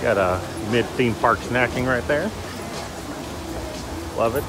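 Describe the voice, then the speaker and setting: This theme park vlogger speaks slowly in a medium-pitched voice, staying chatty and upbeat as he walks and points out sights outdoors. Park music and loud crowds are audible behind him.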